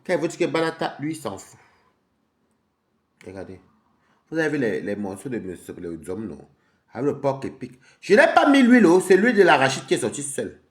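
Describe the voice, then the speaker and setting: This medium-pitched man has a sing-song, slightly quick delivery as he rambles to live stream viewers from home. He has a head cold and eats while chatting casually and speaking to them directly. The room is echoey.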